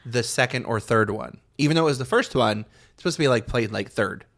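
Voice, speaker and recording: A man co-hosting a podcast, telling a story in animated casual chat, full of fillers and swearing. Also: mid-range voice, brisk. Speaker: podcast co-host.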